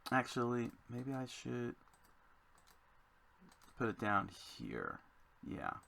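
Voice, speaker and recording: A man designing a card game, thinking aloud to himself in a slow, musing way as he works. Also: mid-range voice, sing-song, creaky, bright, forceful tone.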